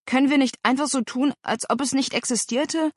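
A woman's voice: sits high, fairly even intonation, brisk, dry recording, studio quality, voice pushed up. A woman voicing a joking teenage boy, an older brother who teases his sister, in an audiobook. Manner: teasing.

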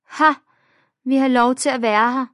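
Snide and shrill, this is a schoolgirl bully who mocks and jeers at every turn, put on by a woman reading a children's book. The voice sits high and loud over a dry, close recording. Every line lands as a taunt. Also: no room sound, close to an everyday voice. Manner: sneering, taunting.

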